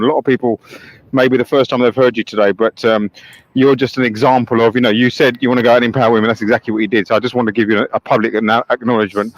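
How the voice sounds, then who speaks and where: Guy calling in to a live chat, talks really fast, casual, repeats himself. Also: medium pitch, dry recording, highs cut off. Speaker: audience caller.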